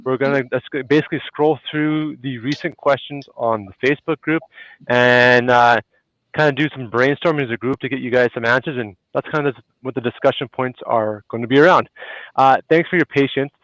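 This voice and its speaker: A man with a Canadian accent hosting a live landlord chat on a video call, relaxed and chatty with many fillers. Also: medium pitch, brisk, dry recording. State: a little out of breath. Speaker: host. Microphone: phone hotspot on a video call. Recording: dull lo-fi video call audio.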